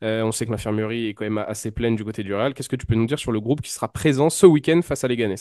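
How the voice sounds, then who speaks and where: A man's voice: fairly low pitch, steady tone, fast talker, mellow, no room sound, studio quality. A man hosting a football preview show, talking casually with many hesitations and fillers. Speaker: host. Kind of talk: casual chat.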